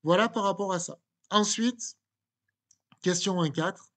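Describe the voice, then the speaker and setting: A man's voice: high voice, unhurried, fairly bright tone. French man correcting an exam. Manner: conversational, repeats words, many fillers and restarts. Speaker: teacher.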